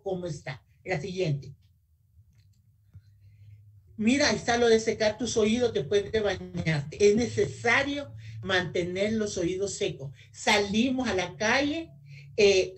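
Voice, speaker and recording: A woman gives a lively webinar talk as a guest audiology technician. She speaks straight to her listeners in a mid-range voice and asks for the next slide as she goes. The mic picks her up from a little way off. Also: medium pitch. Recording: voice a bit far from the mic.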